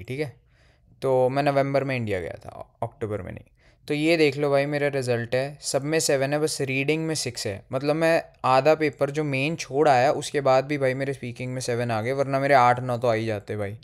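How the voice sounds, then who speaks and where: Speaking at a moderate pace and medium pitch, a young Indian man vlogs a personal story. He's chatty and casual, curses freely, and keeps addressing someone as "bhai," meaning "bro."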